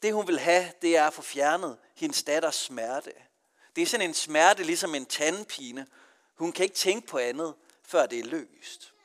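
A man's voice: on the high side, animated, a bit bright. A man from Denmark, a pastor, preaching a sermon with earnest emphasis that rises and falls. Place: church. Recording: long church reverb.

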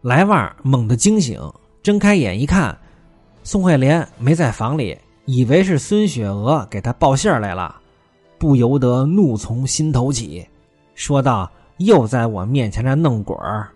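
A man's voice: mid-range voice, very animated, a little slow, darkish tone, faint music behind. Male storyteller with wry asides. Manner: wry commentary between scenes. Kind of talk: storytelling narration of a classic novel.

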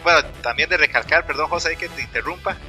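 A Costa Rican man talking quickly in a casual chat, stopping and restarting his sentences often. His voice is sharp and very bright. Faint music sits behind him. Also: fairly high pitch. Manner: fast, halting, many restarts.

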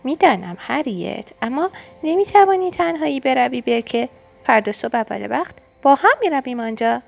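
A woman's voice: high-pitched, sing-song, creaky, pitched above the performer's own voice, heavily acted. A woman voicing a young boy turtle in a storybook reading, in a raised childlike voice. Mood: gentle. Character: young boy turtle, sulky then glad.

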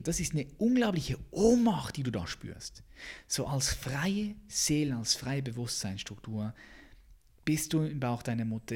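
A man giving an intense motivational monologue as a personal growth coach, jumping from loud bursts to hushed whispers. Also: mid-range voice, breathy edge.

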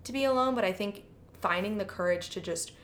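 A woman's voice: medium pitch, a little fast, slight background noise. A young woman from Chicago with a Chicago accent, co-hosting a podcast in frank, chatty talk. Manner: chatty and frank, with "like" and some swearing. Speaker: podcast co-host. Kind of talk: casual chat.

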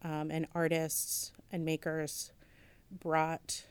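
Low smooth-voiced woman curator, lots of ums and restarts, dry close sound. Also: completely flat delivery, extremely slow, no room sound. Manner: thoughtful, many fillers and restarts. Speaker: museum curator. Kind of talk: interview conversation.

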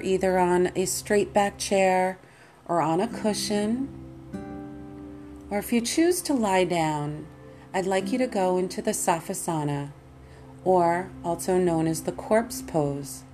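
A woman leading a guided meditation as host and teacher, in a calm, soothing, meditative manner. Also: on the low side, takes it slowly. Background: plucked guitar music.

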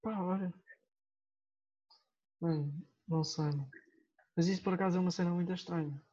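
A man's voice: sits high, fairly even intonation, a little fast, mellow. A young man with a European Portuguese accent chatting casually in repetitive slang, on a dull lo-fi recording. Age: young adult. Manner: slangy, repetitive filler words. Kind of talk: casual chat. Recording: dull lo-fi sound.

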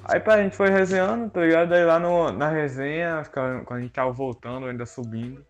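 A man's voice: a little high, a little fast, soft background music. A man, a podcast guest, telling a story in slangy, laid-back casual chat.

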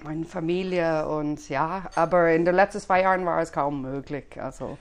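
An Irish woman from Dublin, whose first language is English, chats casually in German as a guest who organizes a cinema series. Her voice is low, smooth and steady at a moderate pace, and she comes across as friendly yet hesitant, with many fillers.

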